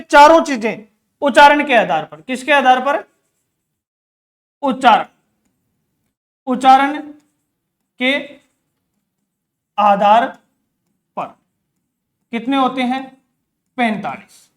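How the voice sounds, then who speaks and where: A man's voice: extremely high pitch, a bit bright. A man teaching an exam-prep grammar lesson, asking questions and answering them himself, repeating key words. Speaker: Hindi teacher.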